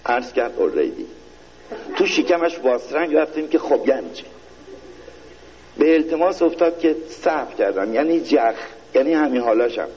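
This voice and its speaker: A man giving a satirical reading in a mock-royal court style, slow and pompous. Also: medium pitch, expressive, a little mellow, lo-fi sound. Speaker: reader of a satirical piece.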